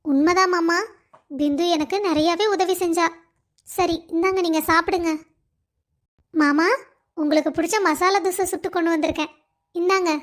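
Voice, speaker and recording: A woman's voice: very high-pitched, steady tone, moderate pace, long pauses. A woman voicing a loving young wife who pleads and complains of being alone. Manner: pleading, plaintive.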